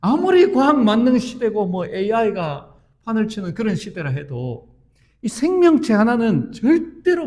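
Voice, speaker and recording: A high-voiced man in his fifties preaches in a church sanctuary. He tells his stories earnestly and builds to fervent, emphatic peaks. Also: creaky, a little mellow. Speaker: pastor. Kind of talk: sermon.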